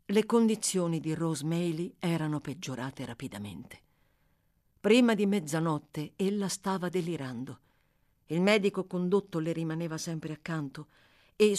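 A woman reading a classic novel aloud for radio in a measured, expressive storytelling manner. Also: sits low. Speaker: audiobook reader. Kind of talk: dramatic literary reading for radio.

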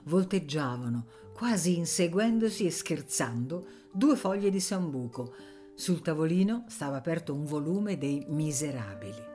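Woman w/ a low voice narrating a story, steady measured reading. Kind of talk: scripted narration.

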